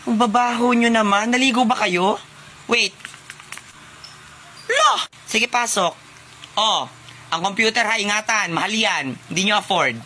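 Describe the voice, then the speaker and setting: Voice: mid-range voice, unhurried, long pauses, bright, forceful tone, a little hiss or hum. A performer voicing an arrogant, germ-obsessed male teacher in a comic skit, sneering and scolding. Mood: snobbish.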